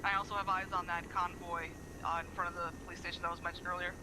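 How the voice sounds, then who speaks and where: A man's voice: high voice, level tone, fast talker. A man giving procedural scout reports in military radio role-play. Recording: noisy radio chatter, aircraft engine. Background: aircraft engine noise.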